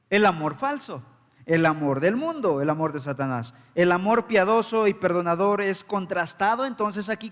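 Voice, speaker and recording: A male pastor delivers an emphatic sermon, firing rhetorical questions at his congregation. His voice sits a little high for a man. The sound carries a long church-hall reverb. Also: a bit bright. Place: church sanctuary.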